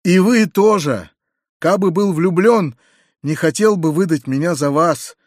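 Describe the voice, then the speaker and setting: A man's voice: high voice, big pitch swings, unhurried, breathy edge, dry recording, studio quality, heavily acted. A man voicing a heated, indignant young woman. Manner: pleading and heated.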